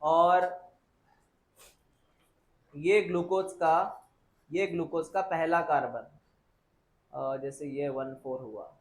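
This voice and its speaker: A man's voice: fairly high pitch, fairly even intonation. Man teaching biology in an echoey classroom. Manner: repetitive, quizzing students with quick questions. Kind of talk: classroom lecture.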